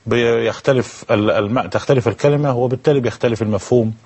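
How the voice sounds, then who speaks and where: Halting scholar, man. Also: mid-range voice, a little mellow, husky. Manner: halting, restarts words while explaining. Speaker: guest scholar. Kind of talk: explanatory lecture in conversation.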